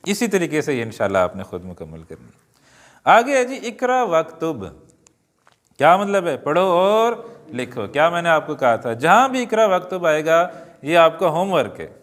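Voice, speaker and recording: A man teaching an Arabic lesson, reading words slowly and adding joking asides to his students. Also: fairly high pitch, sing-song, fairly bright tone. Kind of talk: classroom-style lesson. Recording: long hall reverb.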